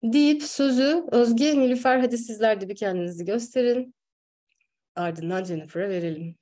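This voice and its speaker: A woman hosting an online psychology session, speaking earnestly with halting pauses and fillers. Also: on the high side, warm tone. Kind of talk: opening remarks at an online workshop.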